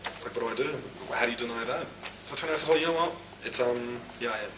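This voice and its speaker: Australian man, rapid storyteller who voices the dialogue; roomy, distant, noisy recording. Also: medium pitch. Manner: animated, acts out dialogue. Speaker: interviewee. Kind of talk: personal storytelling.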